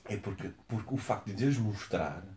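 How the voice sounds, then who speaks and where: A young man with a European Portuguese accent, explaining himself in casual debate with halting repetitions. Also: lowish voice, lively intonation, mellow. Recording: echoey room.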